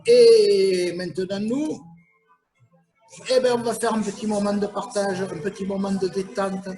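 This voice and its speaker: A man's voice: high-pitched, fairly even intonation, measured pace, dark tone, soft background music, low-quality recording. A man hosting a casual quiz game, playful and teasing, chuckling at his own riddles. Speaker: host of a live quiz game.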